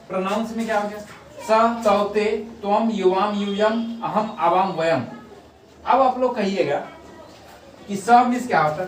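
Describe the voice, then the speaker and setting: A man's voice: high-pitched, a little hiss or hum. A man teaching a grammar lesson who drills the class, repeating terms and asking then answering his own questions. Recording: echoey room, mic at a distance.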